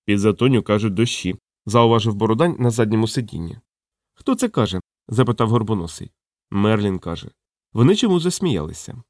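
A man narrating an audiobook in an expressive, animated reading, voicing the dialogue himself. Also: fairly low pitch, fairly quick, no echo. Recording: dry close studio sound.

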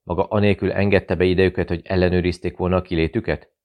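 Audiobook: male narrator doing an icy, commanding male warlord, very deep, curt. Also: lo-fi sound, lightly acted. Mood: cold.

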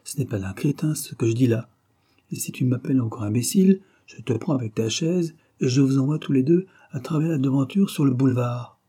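A man voicing a big, brash young man who talks bluntly and provokes others with mocking calm. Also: medium pitch, fairly quick, husky, natural voice. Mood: defiant.

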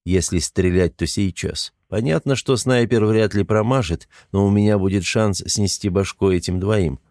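A man narrating a first-person audiobook with a low, warm, mellow voice. His delivery is even, restrained and matter-of-fact, and the recording is close and dry with no room around it. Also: moderate pace, dry recording.

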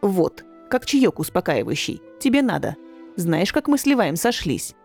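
A woman voicing a gentle, wry young male servant telling a story. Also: on the low side, big pitch swings, moderate pace, faint music behind. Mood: wistful. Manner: wry, easygoing.

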